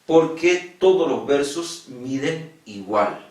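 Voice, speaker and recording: A man's voice: fairly high pitch, expressive, slow pace, far from the mic. Male teacher in an echoey room. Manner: patient, repeats key words and checks understanding. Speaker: secondary school teacher. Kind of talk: online lesson explaining poetic meter.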